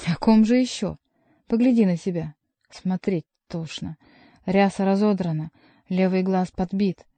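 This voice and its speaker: Lady doing a stern scolding jester man, dark warm voice, dry. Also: medium pitch, unhurried, no room sound.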